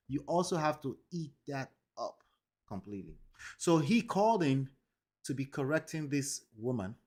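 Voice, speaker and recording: Speaking at medium pitch with a darkish tone, a livestream host chats casually with his viewers' live chat. His delivery is emphatic, and he keeps asking "okay?" and "right?" to check in.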